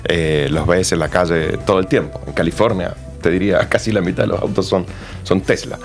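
Gravelly and low, with fairly even intonation and a fairly quick delivery, this man's voice comes over soft background music. He's an Argentine company manager speaking Argentine Spanish as a friendly interview guest, often starting his answers over.

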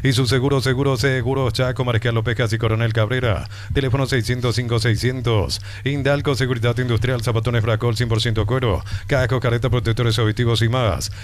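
A man reading radio ads in a brisk, punchy sales delivery. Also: mid-range voice, steady tone, a little hiss or hum. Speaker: radio ad announcer. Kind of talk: rapid scripted ad reading.

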